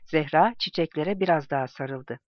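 An audiobook narrator reading a novel chapter in an even, measured way. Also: mid-range voice, no room sound, highs cut off. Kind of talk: scripted narration.

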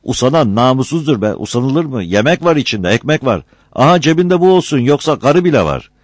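A man's voice: mid-range voice, very animated, fairly quick, no echo, clean studio sound, pitched above the performer's own voice. A man doing a rowdy joking young villager. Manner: boisterous, teasing.

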